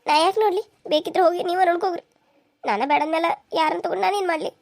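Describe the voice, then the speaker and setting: Woman voicing a high, tearful young village wife. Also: fairly even intonation, very fast, creaky, dry recording, clean studio sound. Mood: accusing. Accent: North Karnataka Kannada. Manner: tearful, accusing, pleading. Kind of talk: cartoon serial voice acting.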